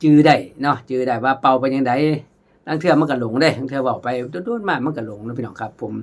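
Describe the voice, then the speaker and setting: Speaking quickly in a mid-range voice, a man with an Isan accent gives an informal khaen lesson. He talks to viewers affectionately as brothers and sisters and sometimes vocalizes melodies in syllables.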